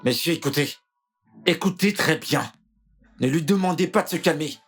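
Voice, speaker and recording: Defiant young brother, vengeful and indignant, husky voice. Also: male voice, fairly high pitch, animated, normal speed, fairly bright tone, heavily acted. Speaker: brother of the wronged sister. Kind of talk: dubbed film acting.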